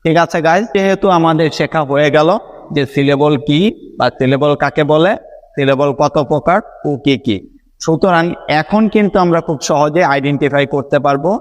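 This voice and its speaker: A man with a Bangladeshi accent teaching an English lesson in a slightly raised voice. He spells words out letter by letter and repeats them slowly and patiently for his students. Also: on the high side. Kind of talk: online lesson.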